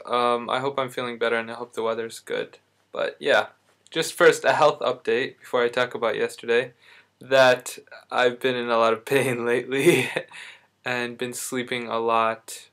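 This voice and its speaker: A young male vlogger with a mid-range, gravelly, slightly bright voice talks casually in a video diary at a measured pace. He's in back pain as he speaks, rambling, correcting himself, and using plenty of fillers.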